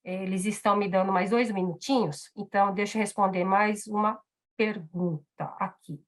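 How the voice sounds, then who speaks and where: A woman's voice: medium pitch, fairly even intonation, moderate pace. A woman, giving a live seminar talk on business etiquette, chatty, with many fillers and tag questions. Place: in Japan.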